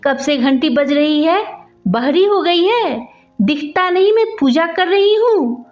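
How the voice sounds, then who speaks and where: Woman doing a shrill scolding mother-in-law. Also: lively intonation, slow, roomy sound, highs cut off, soft background music. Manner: shouting, scolding. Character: scolding older mother-in-law, sharp-tongued.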